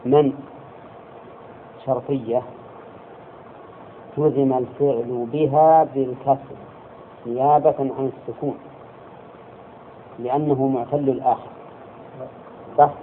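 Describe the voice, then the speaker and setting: A male religious teacher giving a classroom lesson, explaining slowly and checking his students with quick questions. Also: medium pitch, steady tone. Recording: tinny lo-fi lecture recording with faint hiss.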